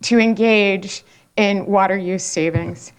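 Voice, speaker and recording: A woman's voice: mid-range voice, fairly even intonation, smooth. Emotional woman speaking at a public hearing. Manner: halting, with many fillers and restarts. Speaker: public commenter.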